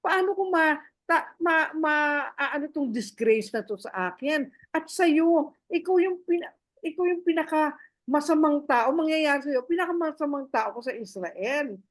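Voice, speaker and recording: Halting woman in casual group talk. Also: high-pitched, no echo. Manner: halting, searches for names, many fillers; mixes Tagalog with English phrases. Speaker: Bible study group member. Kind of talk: casual Bible discussion.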